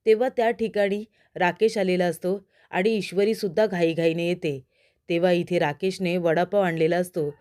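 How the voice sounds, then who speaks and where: A woman recaps a TV serial episode in scripted storytelling narration. She speaks straight to her viewers in a steady, even manner. Her voice is soft and mellow. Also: fairly low pitch, moderate pace. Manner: addresses viewers directly, steady retelling.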